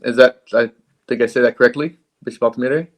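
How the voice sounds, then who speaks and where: A man's voice: mid-range voice, fairly even intonation, quick pace. A man hosting an interview, polite and hesitant, with many fillers and restarts. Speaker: host. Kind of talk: casual interview.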